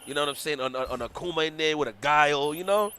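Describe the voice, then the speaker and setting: A man's voice: a little high, quick pace, slight background noise. A man commentating a fighting game tournament in casual chat, telling stories with slangy, laughing delivery. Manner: animated storytelling, laughing, slangy.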